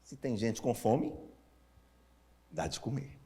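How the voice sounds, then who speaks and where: A man's voice: medium pitch, slow. A Brazilian man in his sixties gives an informal lecture with slightly tongue-tied, slurred articulation, asking rhetorical questions and checking in with short tags. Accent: Brazilian Portuguese. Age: 60s. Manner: animated, checks in with listeners using short tag questions. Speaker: speaker leading a Spiritist family-ministry session.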